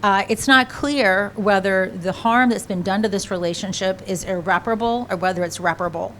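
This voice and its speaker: A woman's voice: mid-range voice, a little fast, fairly bright tone, a little hiss or hum. A woman speaking as a panelist, thoughtful and hedging in her phrasing.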